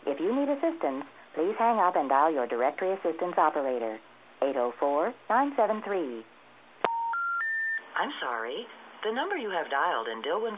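Woman's recorded phone intercept message. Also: fairly low pitch. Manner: slow, evenly paced formal announcement. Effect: recorded intercept message played over a phone line. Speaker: telephone intercept announcer. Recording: tinny phone line with faint hiss.

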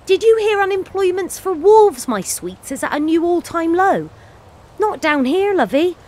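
Playing a defiant, bitter working-class cleaner who styles herself a wolf woman, an actress rambles through an audio play monologue in an earthy, sweary way, sounding riled and argumentative. Her very high voice is very animated and a little mellow, at a normal speed.

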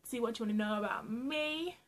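Talking fairly quickly in a slightly high voice, this young vlogger has a Trinidadian accent and comes from Trinidad and Tobago. Background noise is present as she chats playfully and laughs often, answering get-to-know-me questions in a small room at home.

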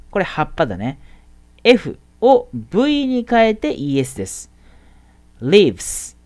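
A woman teaching a casual English grammar lesson to middle school students. She chats in a friendly way and draws out the English example words slowly. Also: on the low side, a little mellow.

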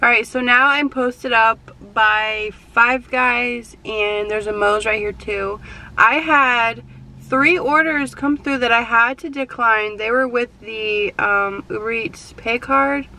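A woman's voice: a little high, slow pace, pushed and bright, a little hiss or hum, rough recording. A young woman chatting casually to viewers while she sits in her car between delivery orders, rambling and full of "like" fillers. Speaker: delivery driver vlogger. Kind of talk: casual chat while driving. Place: inside a parked car.

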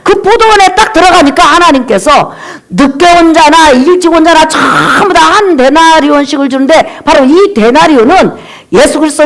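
A woman pastor preaching a sermon, retelling the story with lively acted-out dialogue and calling for the congregation's amen. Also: high-pitched. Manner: animated storytelling, acting out characters' dialogue; calls on the congregation to read and say amen.

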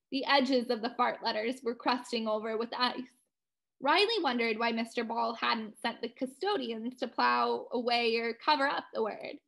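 A woman narrating a children's mystery story aloud with expressive, clear narration. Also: a little high, low-quality recording.

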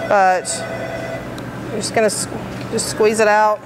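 In an indoor commercial kitchen with background noise, a female bakery instructor slowly explains decorating steps. Her delivery is flat and her voice mid-range; she sticks to plain, practical wording and uses plenty of fillers throughout the demonstration.

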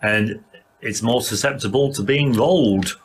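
A man's voice: mid-range voice, a little slow, a little hiss or hum. A man co-hosting a casual podcast chat, who says "absolutely" a lot and restarts his sentences often. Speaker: podcast co-host.

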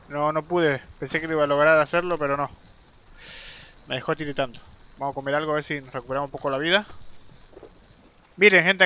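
With slight background noise in the mix, a young man from Argentina streams a game, his fairly high voice bright and forceful. He chats live with his viewers as he plays and lets out swears and yelps when fights go badly.

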